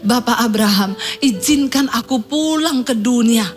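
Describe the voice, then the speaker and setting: A woman's voice: on the high side, a little slow, faint music behind, pitched below the performer's own voice, natural voice. A woman voicing an anguished rich man begging from hell. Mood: pleading.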